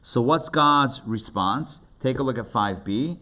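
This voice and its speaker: Medium in pitch and sharp in tone, the man teaches at a measured pace, walking his class through commentaries in everyday words. As a rabbi giving an interactive lecture indoors, he repeats himself for emphasis and throws out rhetorical questions. Background noise is audible in this live classroom recording.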